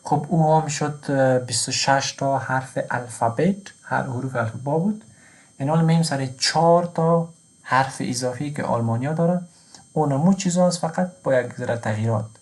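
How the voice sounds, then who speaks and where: A man with an Afghan Dari accent and a medium-pitched, somewhat dark voice gives a slow language lesson. He repeats each example word twice before translating it.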